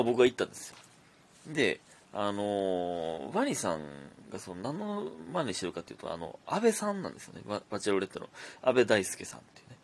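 A young man with a Kansai accent hosting a casual solo podcast, chatting and reading listener messages aloud. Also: low-pitched. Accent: Kansai Japanese. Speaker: podcast host.

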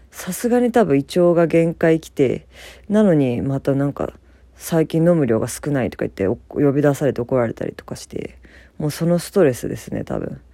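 A young woman from Fukuoka talks on her own in a relaxed, chatty way, laughing often and poking fun at herself. Her voice sits low for a woman but swings widely in pitch, with a dark, mellow tone. The sound is dry and close, with no room echo. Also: creaky. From Fukuoka, Japan. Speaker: podcast host. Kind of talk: casual solo talk.

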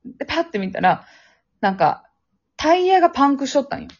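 A young Kansai-accented woman co-hosting a podcast speaks in a high, sing-song voice at a fairly quick clip. Chatty and quick to laugh, she tells a spooky story and acts out phone voices. The audio, recorded on a phone app, is dull and lo-fi.

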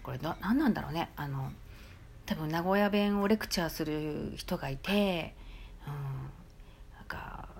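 A woman from Nagoya with a Nagoya accent, chatting casually on her own podcast with lots of soft fillers. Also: low voice, normal speed, vocal fry. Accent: Nagoya dialect. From Nagoya, Japan. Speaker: podcast host. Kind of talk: casual solo chat.

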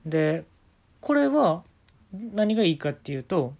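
Young Kansai-accented man, casual solo talk host, deadpan storyteller with abrupt high jumps in his voice. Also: unhurried, vocal fry. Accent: Kansai Japanese. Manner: deadpan telling of absurd tales with sudden pitch jumps.

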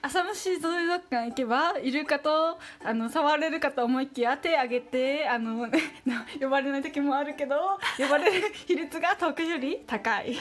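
A young woman co-hosting a casual, playful chat, giggly and often halting as she searches for words. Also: high voice. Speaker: co-host of an amateur audio show. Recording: loud background music.

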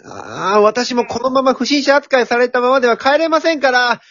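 A man's voice: extremely high pitch, normal speed, fairly bright tone, dry recording, highs cut off. A man playing a jolly, earnest Santa Claus in an amateur comedy radio drama, polite and theatrical in manner. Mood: hearty.

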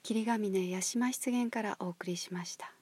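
A woman leading a guided meditation, talking in a soft, slow, breathy near-whisper. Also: medium pitch. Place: outdoors at a highland marsh.

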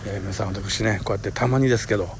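A man's voice: on the low side, steady tone, racing, heavy background noise. A man in his forties with a Kansai accent, hosting a solo talk show, telling a story with vivid sound words and self-mocking humor. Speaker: podcast host.

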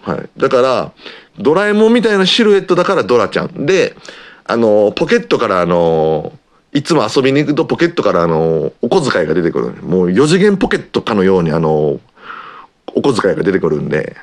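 A talkative man with an Osaka Kansai accent, chatting on his own radio-style podcast. His voice sits low but swings up and down a lot as he rambles along. He keeps filling pauses as he goes. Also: very animated. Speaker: podcast host, pro wrestler. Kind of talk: casual solo radio-style talk.

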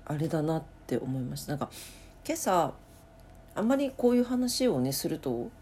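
A woman hosting her own late-night talk show from home, rambling and thinking aloud with many pauses. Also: low-pitched, big pitch swings, warm tone, slight background noise. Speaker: podcast host. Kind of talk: casual late-night solo chat.

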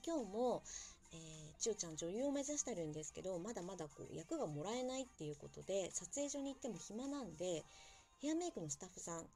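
A young woman talks on her own in a casual, chatty way, poking fun at herself as she goes. Her pitch swings widely and stays animated. Soft music sits faintly in the background. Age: young adult. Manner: chatty, self-deprecating, lively asides. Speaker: podcast host. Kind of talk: casual solo talk about a TV drama.

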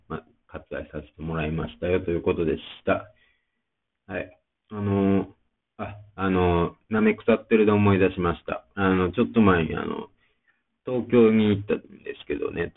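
A man's voice: low-pitched, vocal fry, husky. A man with a Kansai accent, hosting a casual solo talk show and rambling chattily with plenty of fillers. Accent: Kansai Japanese. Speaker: podcast host. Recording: tinny phone-like sound.

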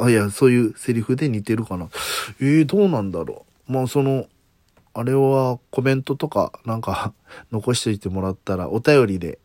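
A man's voice: fairly low pitch, dark tone, dry recording. A man hosting a casual solo talk show, chatting and musing aloud while asking listeners what they think. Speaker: podcast host.

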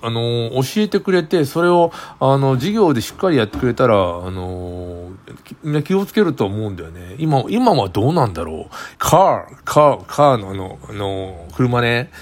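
A man's voice: medium pitch, very animated, normal speed. An older man hosting a casual solo talk, rambling with many hesitant fillers and chuckling as he tells stories. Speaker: podcast host.

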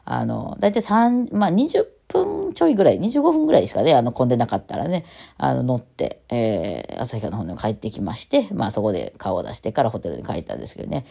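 A woman with a thick Osaka Kansai accent chats through a rambling solo talk, full of fillers and restarts. Her voice is gravelly and mellow. She talks quickly, and her pitch swings widely. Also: huge pitch swings. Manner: rambling and chatty, with many fillers and self-corrections. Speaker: musician and podcast host.

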